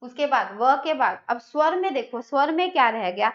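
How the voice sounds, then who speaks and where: A woman's voice: high voice, expressive, normal speed, dull audio. A woman teaching a live online Hindi grammar class, who asks questions and answers them herself.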